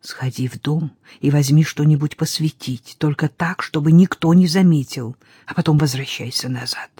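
A narrator voicing a tense, secretive samurai father who gives orders in a low, urgent whisper, for an audiobook. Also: fairly even intonation, moderate pace, mellow, slightly rough, no echo, studio quality. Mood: hushed urgent. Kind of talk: audiobook character voice.

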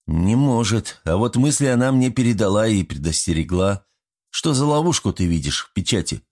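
A man's voice: on the low side, lively intonation, normal speed, a little mellow, pitched above the performer's own voice. A man voicing a young male hero who answers earnestly and defensively in an audiobook. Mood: explaining. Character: young male hero, puzzled but stubborn. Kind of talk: audiobook character voice.

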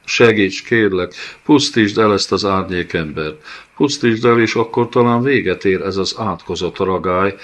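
Terrified rabbi, begging, strained and louder than the narration, put on by a male reader. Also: deep voice, natural voice. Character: frightened old male rabbi, desperate and pleading.

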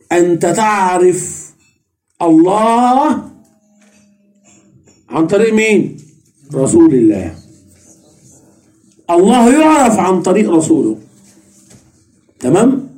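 A man's voice: high voice, a little mellow. A man with an Egyptian Arabic accent giving a religious study lesson, asking questions and answering them himself, repeating each point. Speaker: religious teacher.

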